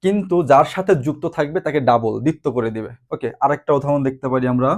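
A man teaching a grammar lesson slowly and deliberately, repeating examples and asking rhetorical questions. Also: a little high, lively intonation, a little mellow.

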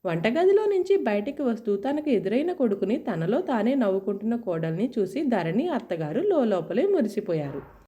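A woman storyteller reading a family romance aloud. Her voice sits a little high with a mellow, warm tone and swings widely in pitch as she narrates. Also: normal speed, dull audio. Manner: expressive, lively reading.

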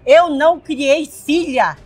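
Woman as a stern, commanding mother, Brazilian accent, very high voice. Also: takes it slowly. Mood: scolding. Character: protective, fiery mother, middle-aged woman.

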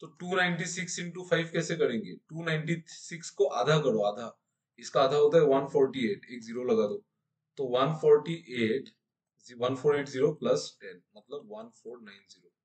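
A man's voice: mid-range voice, normal speed, a little mellow, low-quality recording. A young man, a teacher, explains math problems in a mix of Hindi and English, working through each step and asking his online students questions. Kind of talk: online exam-prep math class. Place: online class.

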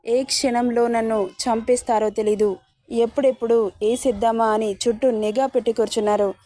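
A woman's voice: fairly high pitch, dark tone. A woman narrating a romance story, reading every character's lines in her own voice.

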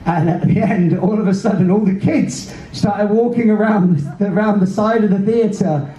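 A British man hosts from a theater stage as a cruise director, speaking with emotive, earnest emphasis. His voice sits high for a man and has a soft, mellow tone. It comes through a roomy PA, picked up from far back in the hall. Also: fairly even intonation, moderate pace. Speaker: cruise director hosting a veterans' event. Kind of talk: live stage address to an audience. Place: large indoor theater stage. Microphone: handheld mic, filmed from the audience. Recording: roomy theater PA heard from afar, faint noise.

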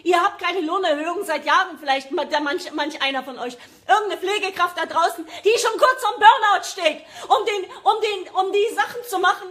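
A woman's voice: extremely high pitch, fairly bright tone. A woman from Germany in an agitated live-stream rant to her viewers, repeating phrases for emphasis. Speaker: vlogger addressing viewers.

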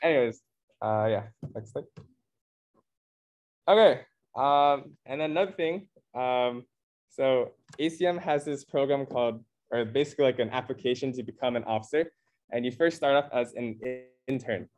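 A man's voice: mid-range voice, moderate pace, a little mellow. A young man from California, the club's co-president, presenting at a meeting in a rambling, upbeat way full of fillers. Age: young adult. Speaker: club co-president. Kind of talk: casual club meeting talk.

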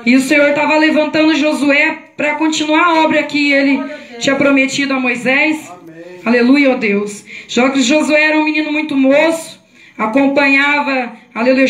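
A woman's voice: sits high, fairly bright tone. A woman preaching at a home worship service, fervent and full of hallelujahs, speaking into a handheld mic. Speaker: hostess giving a short sermon. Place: small room in a house, home service. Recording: roomy echo, phone camera far off.

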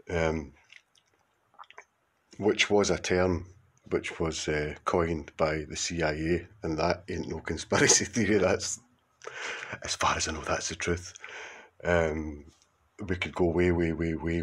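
A man's voice: rumbling low, slightly rough. A man in his fifties with a Glaswegian accent, speaking casually to camera in a rambling, hesitant way. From Scotland. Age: 50s. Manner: rambling, hesitant, with many fillers and restarts. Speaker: contributor sending a video message.

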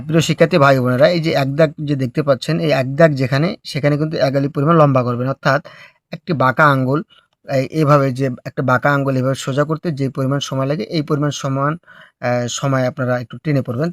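A man teaching recitation step by step, explaining slowly and patiently before drawing out each phrase in a melodic chant. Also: medium pitch, steady tone, no room sound, clean studio sound.

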